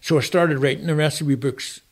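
A man's voice: on the high side, steady tone, moderate pace. A man in his sixties with a Northern Irish accent, a retired chef chatting as a guest and telling rambling, anecdotal stories. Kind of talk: casual interview chat.

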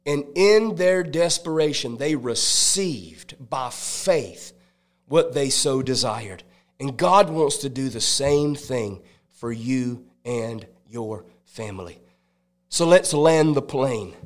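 Slow, emphatic preaching man. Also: medium pitch, animated. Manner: preachy, emphatic, with dramatic pauses. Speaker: evangelist. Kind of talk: devotional sermon.

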